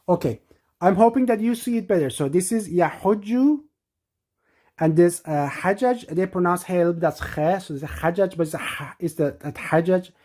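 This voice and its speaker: A woman's voice: lowish voice, moderate pace, warm tone. A woman presenting a lesson, walking through words on screen, often repeating herself and restarting mid-sentence. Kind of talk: explaining scripture on screen.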